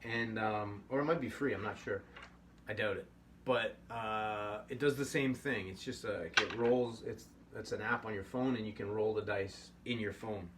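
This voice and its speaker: A middle-aged man with a voice on the low side speaks at normal speed while guiding a relaxed puppetry workshop at a table. He's easygoing, encouraging and given to rambling. The studio recording has a slightly distant mic and faint room hum.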